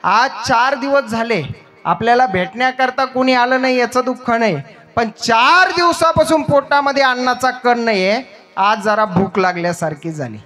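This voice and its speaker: A man voicing a little girl of five or six who gently tells her brother she is hungry. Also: very high-pitched, moderate pace. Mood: pleading.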